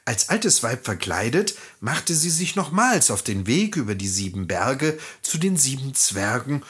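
A storyteller reading a fairy tale aloud in an expressive, lively way. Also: mid-range voice, a little slow, husky.

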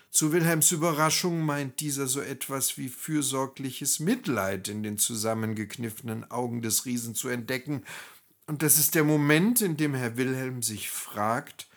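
A man narrating a scripted story in a wry, animated way. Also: mid-range voice.

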